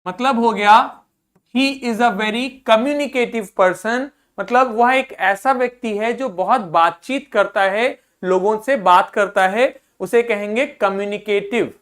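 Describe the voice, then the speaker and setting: A woman with an Indian accent gives an English vocabulary lesson in a slightly high voice at a slow pace. She repeats every word to drill its pronunciation, and she puts questions to her students only to answer them herself.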